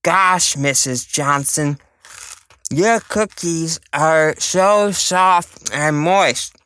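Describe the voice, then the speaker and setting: A woman's voice: sits low, extremely slow, fairly bright tone, heavily acted. A woman voicing a naive, eager teenage boy with gee-whiz politeness in a parody radio advert. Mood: eager, polite.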